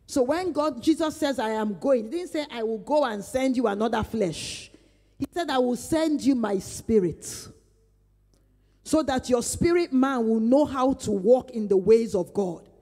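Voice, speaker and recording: Woman pastor with a warm, mellow tone leading an informal Bible study, earnest and emphatic, heard in a church hall with a long echo. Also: fairly high pitch, expressive, measured pace. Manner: earnest, emphatic repetition, retells her prayers. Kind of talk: conversational Bible study teaching.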